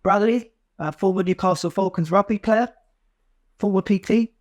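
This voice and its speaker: A man hosting a podcast, asking questions in an eager, casual way with fillers. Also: high voice. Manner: eager, quick interviewer with fillers. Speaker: podcast host. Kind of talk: casual interview chat.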